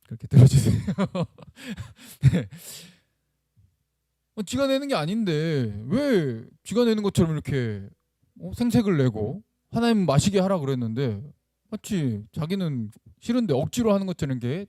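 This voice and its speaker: A man, middle-aged, preaches with an animated, up-and-down delivery, often asking his listeners questions. His tone is mellow and a little high. The sound is dry and close. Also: normal speed, no room sound. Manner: animated, acts out quoted voices, asks the congregation questions; admits using blunt speech when excited. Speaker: pastor. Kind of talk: sermon.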